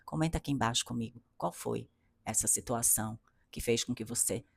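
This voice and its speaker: A middle-aged Brazilian woman speaks with a low, deep voice, coaching her listeners in an earnest and emphatic way. She repeats key phrases and restarts her sentences as she builds to each point. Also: a little fast, gravelly, husky. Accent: Brazilian Portuguese. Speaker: coach for women. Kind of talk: motivational talk to camera.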